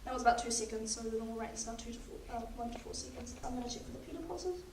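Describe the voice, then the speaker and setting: A paramedic student in a practical exam narrates her clinical skills demonstration very fast. She is young, with a high voice turned hoarse, and she calmly explains each step to the patient. The recording is far off, echoey and noisy.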